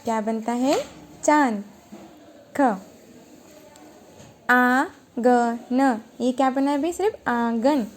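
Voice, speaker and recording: A woman's voice: sits high, extremely slow, pauses often. A woman teacher giving a recorded grammar lesson, asking questions and then answering them herself.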